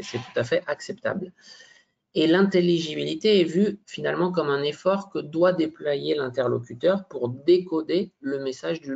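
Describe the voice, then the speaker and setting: A man's voice: medium pitch, vocal fry, husky. A man giving a teacher-training workshop presentation, hesitant, with many fillers and frequent tag questions. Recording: dull lo-fi sound.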